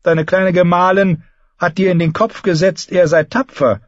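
A man's voice: sits high, steady tone, normal speed, no room sound, dull audio, pitched above the performer's own voice, natural voice. A man reading an audiobook, voicing a cold, commanding queen who talks down to her son. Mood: imperious. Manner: commanding, cutting, condescending. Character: imperious queen mother, cold and sharp.

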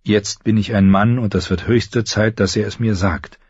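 A man's voice: lowish voice, fairly even intonation, moderate pace, a little mellow, breathy edge, no room sound, lo-fi sound. A man voicing an earnest young man who speaks in an insistent way, in an audiobook reading. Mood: determined.

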